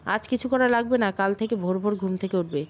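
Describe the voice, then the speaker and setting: A caring middle-aged mother who gives orders slowly and firmly, as a woman storyteller reads her. The voice sits at an ordinary middle pitch. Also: a little hiss or hum, natural voice. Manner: slow, firm.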